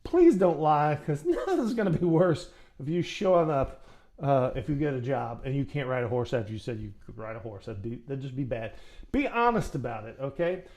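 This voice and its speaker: Lively chatty man giving acting tips. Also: medium pitch, moderate pace. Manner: chatty, folksy, addresses viewer directly. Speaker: acting coach. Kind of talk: casual how-to talk.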